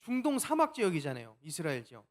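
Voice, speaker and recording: A man preaching a sermon as the church's pastor, his voice rising and falling in wide, animated swings. He tells the story with energy and slips into short acted-out quotes as he goes. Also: fairly high pitch, quick pace. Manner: lively storytelling, acts out quoted lines.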